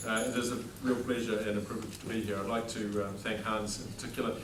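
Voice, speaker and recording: In a fast, level, low-pitched voice, a middle-aged New Zealand headmaster gives a dry, self-mocking speech at a formal dinner with no microphone. The recording comes from across the big dining hall and sounds distant and echoey, with background noise.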